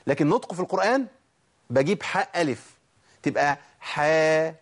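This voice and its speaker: A man with an Egyptian Arabic accent teaching Quran pronunciation. He asks questions and answers them himself, and draws out the sounds he demonstrates slowly. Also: on the high side, big pitch swings, slightly rough. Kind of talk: pronunciation lesson.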